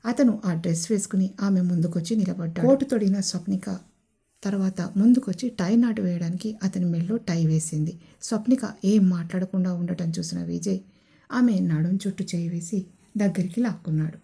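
A woman narrating a scripted romantic audio story in a steady storytelling manner. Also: on the low side, brisk. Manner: smooth storytelling.

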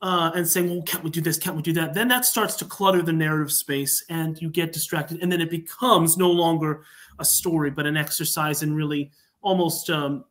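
Joining a casual podcast by remote video call, a fan audio drama writer speaks a little fast in a slightly high, somewhat bright voice with a steady tone. He wanders discursively, rephrasing and expanding on his points along the way.

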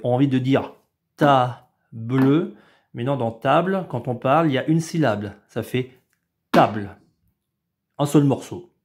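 A man, a preschool teacher, explaining a home activity to parents in a patient, step-by-step way, sometimes stretching words out slowly. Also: medium pitch, a little mellow. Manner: patient, explanatory, drawn-out syllables when demonstrating. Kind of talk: instructional video for parents.

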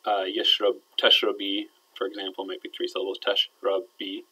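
A man who teaches Arabic explains verb grammar to his students in a recorded lecture, frequently asking "all right?" and letting his phrases trail off quietly. His low, husky voice is monotone and a little fast, heard through a rough recording.

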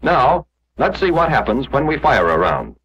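An American male narrator in a 1940s instructional style, with a mid-range, slightly husky voice, explains things in a measured way with animated intonation. The audio is muffled, like a vintage film.

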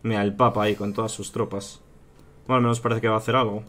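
A man with a Spain Spanish accent and a slightly low voice chats loosely to his viewers as he plays a strategy game. He reasons out loud, keeps calling his audience "tío", and the tapping of a keyboard is heard behind him. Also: little pitch movement, fast. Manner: chatty, thinks aloud, addresses viewers as "chicos" and "tío". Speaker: gaming youtuber. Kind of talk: casual strategy game let's play commentary.

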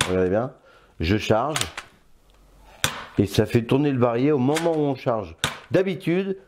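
A man's voice: medium pitch, lively intonation, normal speed, background noise. An older man reviewing a toy blaster in casual, playful chat, often stopping to hesitate. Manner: chatty and playful, with many hesitations.

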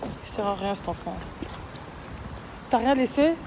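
A woman's voice: on the high side, animated, measured pace, background noise. A young woman, chatting playfully in a casual vlog and slipping English words in. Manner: playful, mixes in English words, swings from loud teasing to quiet talk. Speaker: vlogger.

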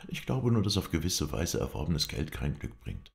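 A man reading an audiobook voices a tired, soft-spoken young man who apologizes gently. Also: extremely low pitch, very animated, normal speed, creaky, exaggerated voice. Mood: weary.

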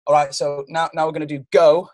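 A man's voice: fairly high pitch, little pitch movement, fairly quick, darkish tone, no echo. A young adult man chatting playfully as a singer guest, rambling and poking fun at himself, often stumbling over his words. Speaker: singer guest on a song game. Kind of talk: playful casual chat.

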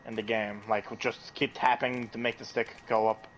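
A man's voice: fairly low pitch, level tone, moderate pace, fairly bright tone, slight background noise, low-quality recording. A drunk man playing a game with a friend, drawling and swearing casually. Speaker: co-player. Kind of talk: casual gaming chat.

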